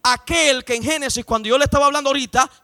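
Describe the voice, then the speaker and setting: High-voiced, bright, impassioned preaching pastor. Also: male voice, very fast, vocal fry. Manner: impassioned preaching, often shouting and sing-song. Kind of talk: sermon. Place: church service.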